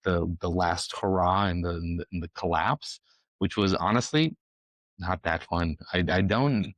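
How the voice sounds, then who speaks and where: A man's voice: sits low, dry recording, poor audio. A man from Ukraine in his forties hosting his own podcast, talking bluntly and profanely in a rambling monologue full of restarts. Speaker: podcast host. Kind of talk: casual opinionated monologue.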